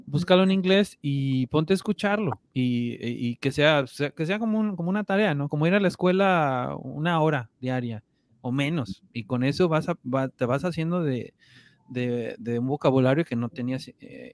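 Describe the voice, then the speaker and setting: A man with a Mexican accent, a guest in a casual interview, telling stories in a lively way and often repeating words as he thinks. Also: a little high, no room sound, clean studio sound. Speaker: guest, opera tenor.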